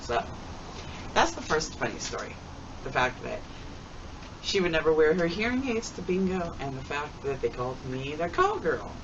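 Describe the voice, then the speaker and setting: Speaking at normal speed in a low voice with large pitch swings, a woman doing a tag video on her vlog rambles through casual stories, folksy and chatty, peppered with homespun expressions. The recording comes from a distant microphone, sounding dull against background noise.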